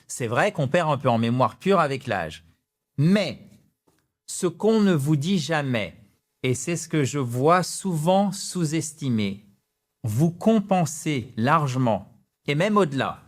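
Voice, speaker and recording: French man, slightly high voice, chatty English teacher with self-mocking asides, direct-to-camera lesson. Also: sing-song, slow.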